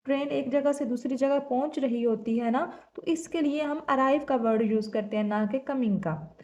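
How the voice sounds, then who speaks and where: Female language teacher, patient explainer, mellow and fairly high voice, slow deliberate example reading. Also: dull audio. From South Asia. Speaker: English teacher.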